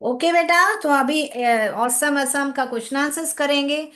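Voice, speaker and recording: Woman teacher, high voice, slow and patient, online class, reads sentences word by word. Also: a bit bright. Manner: slow, patient, calls students "beta".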